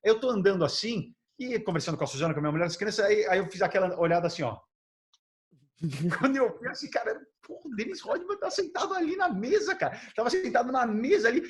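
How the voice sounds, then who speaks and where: A Brazilian man hosting a podcast, telling an anecdote in a casual, animated way, laughing and acting out what people said. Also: high voice, fast talker. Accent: Brazilian Portuguese. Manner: animated, laughing, acts out quotes. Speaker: podcast host. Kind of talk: casual storytelling chat.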